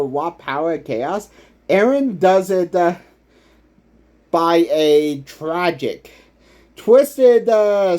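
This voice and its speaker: A man giving unscripted commentary as a YouTuber, halting and filling nearly every pause with "uh" as he restarts his sentences. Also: high voice, a little mellow. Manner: halting, full of "uh" fillers and restarts. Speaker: YouTuber ranking villain songs.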